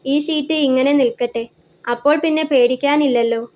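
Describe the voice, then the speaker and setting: Woman doing a calm kind auto driver guy in a storybook, reassuring, high voice. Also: normal speed, lightly acted. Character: calm, helpful adult male auto-rickshaw driver.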